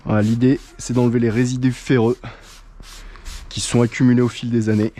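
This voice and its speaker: A man hosting his own channel, calmly walking viewers through a hands-on job step by step, with frequent hesitations as he talks. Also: mid-range voice, fairly quick. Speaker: channel host. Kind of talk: casual how-to tutorial.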